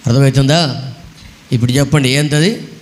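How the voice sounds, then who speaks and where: A man, a pastor, preaching a sermon and demanding the congregation answer loudly. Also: mid-range voice, normal speed, a little hiss or hum. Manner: scolds children to sit quietly.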